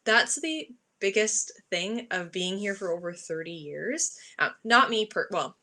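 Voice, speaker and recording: A woman's voice: mid-range voice, lively intonation, measured pace, sharp tone. A woman in her thirties presenting health products informally, in a conversational, explanatory and enthusiastic way. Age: 30s. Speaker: health supplement presenter for a sponsor. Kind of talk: informal product talk at an online event.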